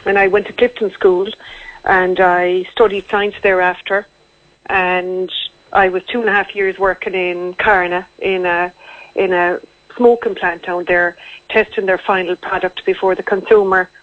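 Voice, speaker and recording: A woman's voice: lowish voice, little pitch movement, unhurried, no room sound. A woman with a west of Ireland accent, talking conversationally and matter-of-factly about her own story as a guest in a radio interview. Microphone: telephone. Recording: tinny narrow-band phone line.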